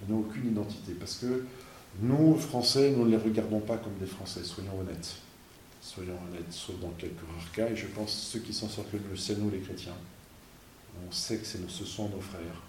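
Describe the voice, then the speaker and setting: A man's voice: on the low side, normal speed, darkish tone, roomy sound, a little hiss or hum. A man, a parish priest, giving an informal talk to an audience, conversational and emphatic, full of fillers and restarts.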